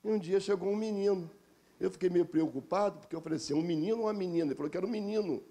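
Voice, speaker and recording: Man, Brazilian accent, pastor, sermon, high voice, emphatic, repetitive, storytelling. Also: racing, warm tone. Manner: emphatic, repetitive preaching with personal stories.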